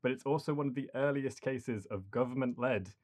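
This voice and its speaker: A man's voice: medium pitch, fairly quick, a little mellow. A man from the UK co-hosting a history podcast, chatting casually and laughing often. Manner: laughs often, says "like" a lot. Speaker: podcast co-host.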